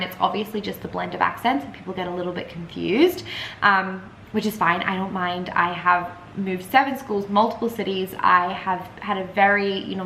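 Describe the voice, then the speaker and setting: A young woman with a soft Edinburgh Scottish accent blended with Australian, chatting casually to her phone camera in a rambling vlog style. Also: fairly low pitch, gravelly, reverberant, slight background noise, low-quality recording. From Scotland, raised partly in Australia. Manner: chatty, rambling, frequent "like" and "you guys". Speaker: vlogger.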